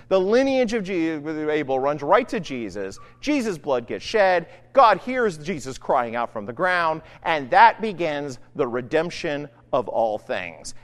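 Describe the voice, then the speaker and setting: A preacher delivering a sermon, asking rhetorical questions and pressing each point home with emphasis. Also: mid-range voice. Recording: long reverb, echoey hall.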